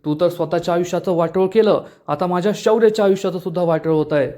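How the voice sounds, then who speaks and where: A furious, despairing middle-aged mother scolds bitterly, played by a man narrating a soap recap. Her outbursts come loud and fast. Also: on the high side, lightly acted.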